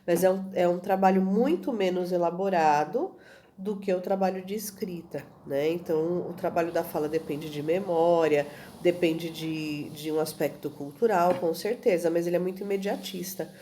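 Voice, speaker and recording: A woman's voice: lowish voice, steady tone, normal speed, warm tone, slight background noise. A woman teacher giving a recorded video lesson, explaining at an easy pace and often checking in with her students. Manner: many fillers and restarts, checks in with "tudo bem?".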